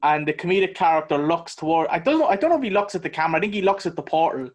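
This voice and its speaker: A man co-hosting a podcast, chatting casually about a movie in a blunt, animated way and swearing freely. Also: a little high, rapid-fire. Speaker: podcast co-host. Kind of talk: casual movie review chat.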